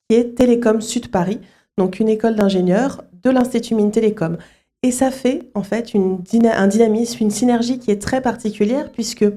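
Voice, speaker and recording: Mellow-voiced woman, halting with fillers. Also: medium pitch. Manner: hesitant, many fillers and restarts. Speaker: school director. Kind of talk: interview answers at a student fair.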